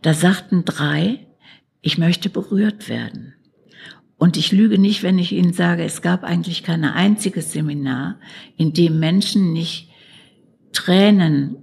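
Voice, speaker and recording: Low, husky-voiced woman telling her story. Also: darkish tone. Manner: earnest, slow and reflective, tags lines with "ne?". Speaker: shaman and psychotherapist guest. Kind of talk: interview storytelling.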